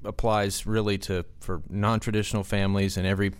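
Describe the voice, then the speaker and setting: A man with a smooth, fairly low voice gives expert advice on a podcast. His intonation stays quite flat, and he speaks haltingly, doubling back on words as he explains. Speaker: podcast guest, financial consultant.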